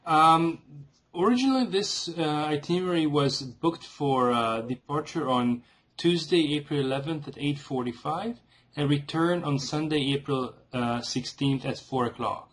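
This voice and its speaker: A man calling an airline as a customer, making a formal and insistent complaint in a halting way. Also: on the high side, a bit bright, husky. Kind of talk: formal complaint on a phone call.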